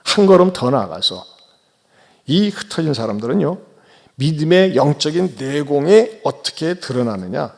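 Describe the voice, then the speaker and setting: A male pastor delivering a sermon in a high, lively voice that leaps up and down in pitch. He keeps throwing rhetorical questions at the congregation and slips into the voices of grumbling people. His phrases swing from loud, emphatic peaks to quiet, low endings. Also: normal speed, creaky, big-room sound. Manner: rhetorical questions, acts out quoted complainers.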